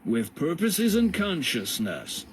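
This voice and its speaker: A man's voice: medium pitch, sing-song, slight background noise. Male reader doing a pompous, patronizing jailer, drawn out and cold. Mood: sneering. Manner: slow, sneering, lecturing.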